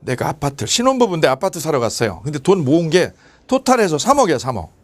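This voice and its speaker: A man teaching an exam-prep law class, asking quick questions and answering them himself. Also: a little high. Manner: animated, asks and answers his own questions. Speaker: lecturer.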